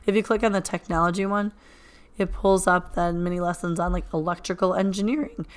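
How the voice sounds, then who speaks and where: A woman hosting a teaching podcast, a little hoarse after nearly losing her voice, chatting casually with many fillers. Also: lowish voice, brisk. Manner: relaxed, conversational, lots of fillers. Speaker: podcast host. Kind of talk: casual chat.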